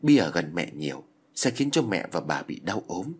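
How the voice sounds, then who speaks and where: A man voicing a gentle older male exorcist monk who coaxes a child spirit in a soothing way. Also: low voice, very animated, moderate pace, slightly rough, voice pushed down, full character voice. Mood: coaxing. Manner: soothing, coaxing.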